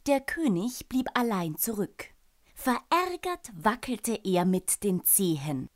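A woman reading a children's storybook aloud, calm and clear. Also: medium pitch, slow.

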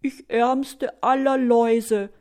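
A woman's voice: medium pitch, unhurried, darkish tone, natural voice. A woman voicing a lazy, self-pitying female head louse in a storybook reading, sighing and whiny.

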